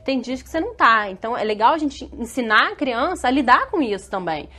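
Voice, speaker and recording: A woman's voice: a little high, big pitch swings, fast, sharp tone. A Brazilian woman speaking as a guest on a studio talk show, hesitant, with many fillers and restarts. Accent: Brazilian Portuguese. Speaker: guest specialist.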